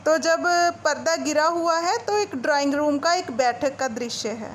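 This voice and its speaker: High-voiced woman explaining a textbook play. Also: measured pace, slight background noise. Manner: reads a passage then retells it in casual Hindi-English mix. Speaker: teacher.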